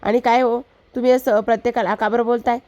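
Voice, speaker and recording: A woman's voice: a little high, level tone, fast talker, darkish tone, muffled recording, lightly acted. Woman doing a cheeky chatty young girl. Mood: sassy. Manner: chatty, teasing, rambling nonstop.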